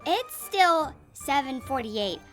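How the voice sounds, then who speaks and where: A woman's voice: high voice, very animated, takes it slowly, a bit bright, faint music behind, pitched above the performer's own voice, exaggerated voice. A woman voicing an earnest, polite five-year-old boy in a narrated story, with childlike delivery. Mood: defensive. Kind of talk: acted storybook dialogue.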